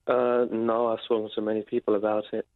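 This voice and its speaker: A man calling in to a radio show, speaking haltingly with many fillers and pauses. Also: fairly low pitch, completely flat delivery, no room sound. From Britain. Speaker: caller. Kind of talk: phone-in radio call. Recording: tinny phone line.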